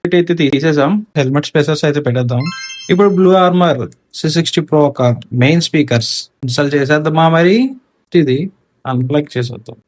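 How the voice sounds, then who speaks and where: The recording quality is poor, and the man's fairly high voice moves along quickly. He has a Telugu accent and gives an easygoing hands-on unboxing and setup walkthrough as a gear reviewer, using English technical terms along the way.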